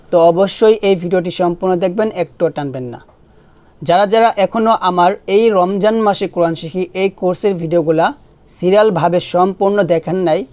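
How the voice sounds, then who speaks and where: A man teaching a Quran spelling lesson. He recites syllables slowly and drawn out, repeats them for learners to echo, and explains rules in quick bursts between them. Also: high voice, darkish tone.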